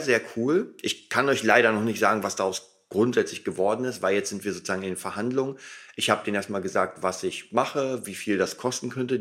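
Deep-voiced man talking with a retainer. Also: fairly bright tone. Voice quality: speech slightly impeded by a dental brace or retainer. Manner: informal, emphatic, repeats words for emphasis. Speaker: podcast host. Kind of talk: casual rambling solo podcast talk.

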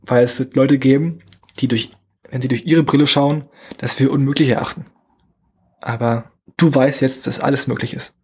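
A young man hosting a motivational solo podcast, talking fast and casually with slightly unclear, run-together speech. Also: mid-range voice, fairly even intonation, a little mellow, slightly rough. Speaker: podcast host.

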